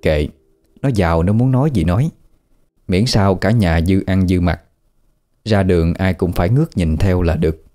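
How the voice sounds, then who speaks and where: Dark-voiced man telling a ghost story. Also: low-pitched, normal speed, long pauses. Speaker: narrator. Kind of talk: scripted ghost story narration.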